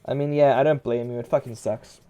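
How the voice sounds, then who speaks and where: A man's voice: medium pitch, fairly even intonation, fairly quick, mellow, no echo, lo-fi sound. A man chatting casually on a live stream, telling loose, profane stories and acting out what people said. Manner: loose, profane storytelling with acted-out quotes.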